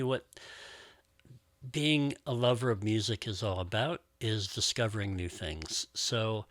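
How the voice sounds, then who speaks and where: Chatting casually as he works through a box of old records, a man muses on each find with warmth and obvious enthusiasm. He's a record collector who hosts a show, his voice mid-range, and the recording is dry.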